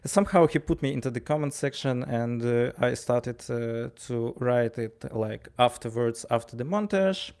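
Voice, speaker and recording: A gravelly-voiced Ukrainian man at a mid-range pitch, a wrestling ring announcer and commentator, tells a casual anecdote. He speaks haltingly, stammering over words, yet animatedly acts out the dialogue in his stories.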